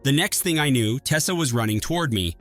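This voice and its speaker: A man reads a first-person story in a steady, measured manner. His delivery is even and composed throughout. Faint music plays softly behind his voice. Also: medium pitch. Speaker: story narrator.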